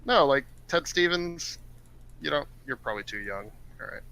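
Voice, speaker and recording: A man's voice: on the high side, lively intonation, normal speed, sharp tone, a little hiss or hum. A man co-hosting a casual gaming podcast from home over a headset, rambling and joking with lots of fillers. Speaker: podcast co-host.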